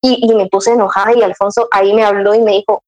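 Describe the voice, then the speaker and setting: A woman's voice: medium pitch, little pitch movement, fast, darkish tone, rough recording. A young woman, telling her story in casual chat, acting out her own past words with many restarts. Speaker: guest sharing her motherhood story.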